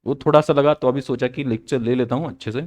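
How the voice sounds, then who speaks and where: A man's voice: medium pitch, fairly even intonation, fast, darkish tone. A man teaching accounts in a live online lecture, playful and joking, with English phrases mixed in.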